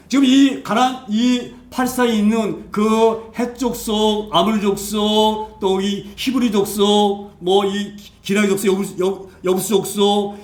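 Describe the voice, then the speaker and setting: A man preaching a sermon as pastor, animated and acting out the voices of the people he quotes. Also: high-pitched, roomy sound.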